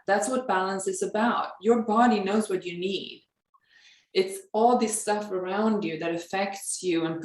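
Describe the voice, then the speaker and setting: A woman's voice: medium pitch, reverberant, poor audio. A woman from Sweden, a guest in a casual conversation, talking in an earnest, reflective way with light laughs.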